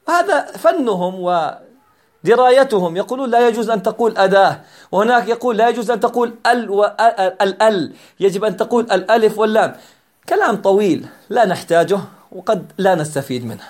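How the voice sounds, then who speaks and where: High-voiced man teaching grammar. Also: fairly quick. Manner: patient, repeats key points, asks and answers his own questions. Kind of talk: explanatory grammar lesson.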